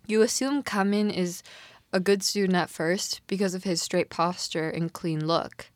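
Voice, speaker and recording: Unhurried and lowish in pitch, this young woman has a Canadian accent, and there's no room sound on the recording. As a podcast co-host she chats casually about a TV drama, using slang and plenty of emphasis.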